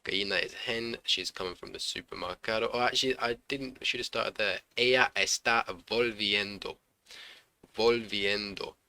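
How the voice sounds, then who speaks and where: Slow bright man thinking aloud. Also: fairly low pitch, fairly even intonation, smooth. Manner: thinking aloud, self-correcting. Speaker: language learner host. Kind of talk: casual lesson commentary.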